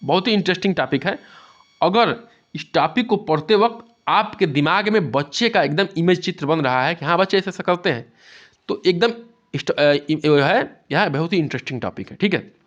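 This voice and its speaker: Man teaching exam prep, slightly high voice. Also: animated, moderate pace. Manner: repetitive, checks in with "theek hai". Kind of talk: explanatory lecture. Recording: dull lo-fi sound.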